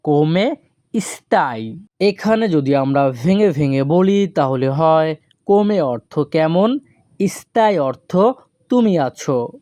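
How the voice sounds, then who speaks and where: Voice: medium pitch, animated, warm tone, dry recording. A language teacher giving a scripted lesson, repeating each phrase and spelling it out word by word. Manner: says foreign phrases very slowly, word by word.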